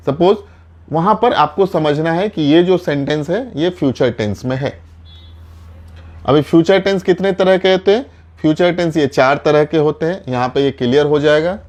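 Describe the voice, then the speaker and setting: Brief: male English tutor with a slightly high voice, explains tenses and drills slow example sentences. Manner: asks himself questions and answers them. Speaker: English teacher.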